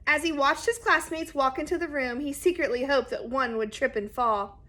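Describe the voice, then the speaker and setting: A woman with a high-pitched, sharp voice reads a children's picture book aloud as a storyteller. She is expressive and deliberate, speaking directly to young listeners.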